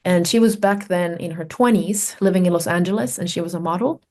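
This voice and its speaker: A woman with a low, slightly mellow voice, a Finnish native speaker, appears as a guest researcher and author. She tells stories in a reflective, conversational way, thoughtfully searching for words with many pauses and fillers.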